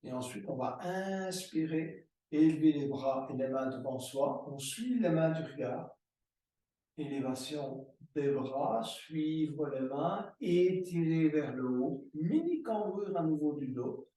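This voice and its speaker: A man teaching a yoga class, giving slow, calm breathing and movement cues. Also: on the high side, far from the mic. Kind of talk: guided yoga class instruction. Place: room recorded as an online class. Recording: roomy echo, voice from afar.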